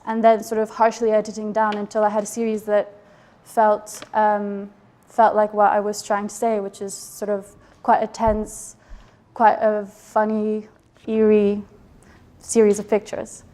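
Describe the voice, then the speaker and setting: A woman's voice: mid-range voice, monotone, a little slow, warm tone. A woman from the Geneva border area with an indeterminate mix of English and French in her accent, giving a hesitant, reflective talk to an audience about her photography project. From Geneva border area, Switzerland/France. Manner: hesitant, many ums, reflective.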